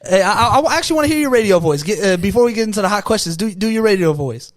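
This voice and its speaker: A man's voice: high-pitched, expressive, rapid-fire, dry recording. Teasing young man hosting a dry podcast. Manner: teasing, laid-back questioning. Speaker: podcast host. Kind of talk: casual podcast interview.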